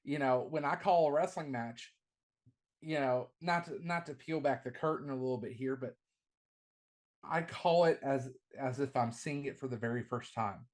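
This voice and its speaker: A middle-aged man who commentates and ring-announces for wrestling chats informally in a podcast interview at a normal pace. His voice sits in the middle range, not deep but strong enough to carry. He's full of energy and habitually repeats words as each phrase gets going.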